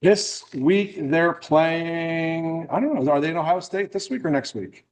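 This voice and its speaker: In a meeting room, a middle-aged guest speaker from New England, USA, addresses a club with a warm, joking talk, rambling and frequently restarting. He speaks unhurriedly in a slightly high voice.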